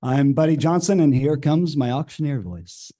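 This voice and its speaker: A man's voice: fairly high pitch, normal speed, dark tone. A man giving a firm prepared public comment at a school board meeting, speaking as a parent and engineer. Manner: firm, emphatic prepared statement.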